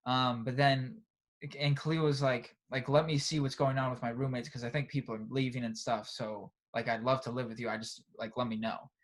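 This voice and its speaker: A young man co-hosting a podcast, telling a story in a casual, animated way and often tagging "right?" and "bro". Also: medium pitch, fairly quick. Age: young adult. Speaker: podcast co-host. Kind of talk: casual chat.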